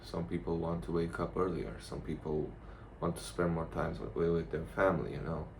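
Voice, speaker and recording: A man giving a casual, rambling vlog monologue in a blunt, profane, halting way. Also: deep voice, little pitch movement, vocal fry, a little mellow. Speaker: vlogger. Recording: noticeable background noise.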